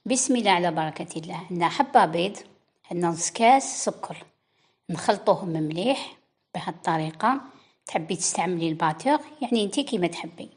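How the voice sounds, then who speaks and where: A woman's voice: on the low side, expressive, fast, breathy edge. A woman with an Algerian Arabic accent, giving a chatty step-by-step baking tutorial and talking straight to her viewers. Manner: instructive, chatty, addressing viewers directly. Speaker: cooking channel host. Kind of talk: cooking tutorial voice-over.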